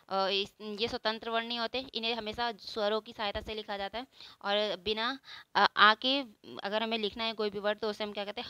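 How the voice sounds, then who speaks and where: Clear-voiced woman teaching a grammar lesson. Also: mid-range voice, sharp tone, no room sound. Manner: explains step by step, asks and answers her own questions; drawn-out example sounds. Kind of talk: spoken Hindi grammar lesson.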